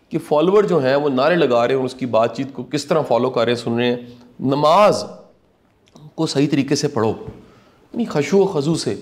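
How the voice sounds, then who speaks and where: A middle-aged man gives reflective motivational commentary in a voice that runs somewhat high and a little mellow. He preaches earnestly, repeating the lines he most wants to land.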